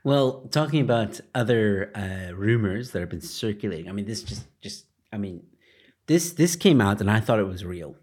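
A man's voice: lowish voice, animated, normal speed, darkish tone, breathy edge. A man co-hosting a podcast, chatting casually and joking, with many fillers and restarts. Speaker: podcast co-host.

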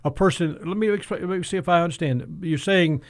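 A man's voice: sits high, brisk. A man hosting a financial talk show, asking questions and summarizing the guest's points. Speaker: host.

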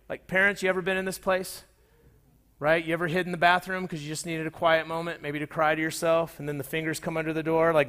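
A man preaching a sermon as pastor, in a conversational way, with fillers and restarts, acting out quoted voices with sudden jumps in pitch. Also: a bit bright.

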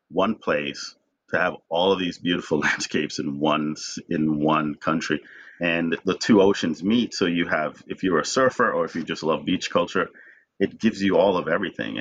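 A man in his forties, originally from Jamaica, talks as an interview guest with a very low, deep voice. He is reflective and stumbles over repeated words as he begins his thoughts. The recording sounds dull and lo-fi. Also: fairly bright tone. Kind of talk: conversational interview.

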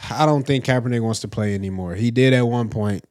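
A man's voice: mid-range voice, fast, a little mellow, no room sound, studio quality. A man co-hosting a casual sports chat in a slangy, conversational way. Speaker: podcast co-host.

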